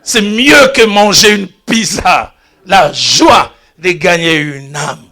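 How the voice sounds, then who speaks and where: A pastor addresses his congregation in church with a sermon, his voice high, bright and ringing. Animated but slow-paced, he tells his stories through hushed asides that rise into loud exclamations.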